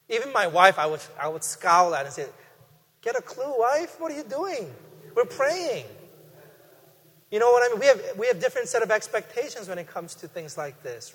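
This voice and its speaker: A middle-aged man delivers a sermon in a lively, conversational way, pushing key phrases up with emphasis. His voice sits high for a man. The sound carries the long reverb of a church sanctuary. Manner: animated, conversational preaching with emphatic rises. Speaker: guest preacher. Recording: reverberant hall.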